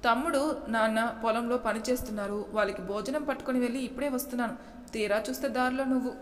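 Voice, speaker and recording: A woman's voice: a little high, fast talker, natural voice. A woman voicing a feisty young wife who answers back boldly, in a storybook reading. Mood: cheeky. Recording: echoey room with long reverb.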